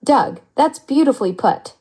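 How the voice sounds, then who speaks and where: A synthetic woman's voice of an AI chat assistant, upbeat and flattering with smooth, even delivery. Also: high voice, moderate pace. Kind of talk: conversational AI reply.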